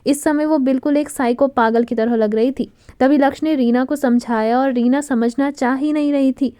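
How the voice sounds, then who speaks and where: A woman storyteller giving an expressive, dramatic reading of a scripted romantic story. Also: high-pitched, moderate pace, smooth, no echo.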